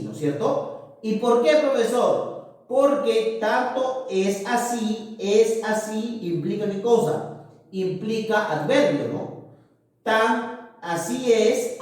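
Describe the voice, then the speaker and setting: A man's voice: high-pitched, darkish tone, distant mic. A male teacher giving a grammar lesson, checking in with his students after nearly every point. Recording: echoey room, voice off-mic.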